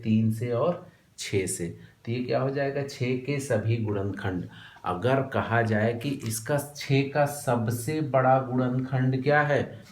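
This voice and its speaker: Slow Indian man dictating a maths lesson. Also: mid-range voice, a little mellow. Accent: Hindi, from India. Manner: slow dictation, repeating words one by one; asks questions then answers them himself. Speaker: maths teacher. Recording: echoey room, faint background noise.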